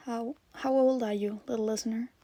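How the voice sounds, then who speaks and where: A woman voicing a gentle man who is a radio host, talking softly and reassuringly to a frightened child. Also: fairly high pitch, fairly even intonation, brisk, dry recording, close to an everyday voice. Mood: coaxing. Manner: soft, coaxing, reassuring.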